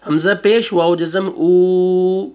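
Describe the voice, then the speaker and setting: A man teaching Quran reading, spelling out syllables slowly one by one, repeating them and correcting wrong readings. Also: a little high. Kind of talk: slow spelling-out recitation lesson.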